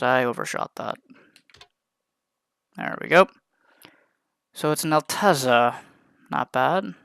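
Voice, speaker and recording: Casual male gamer, mid-pitched, off-the-cuff commentary, clear game music and engine noise under the voice. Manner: rambling, self-correcting, apologetic asides. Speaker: gaming channel host. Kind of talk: unscripted gameplay commentary. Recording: voice over loud game music. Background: racing game music and engine sounds.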